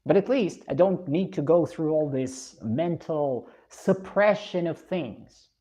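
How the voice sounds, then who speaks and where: A woman's voice: sits low, lively intonation, slow pace, dark tone. A woman from Russia, live streaming, reading viewer comments and giving blunt, opinionated views.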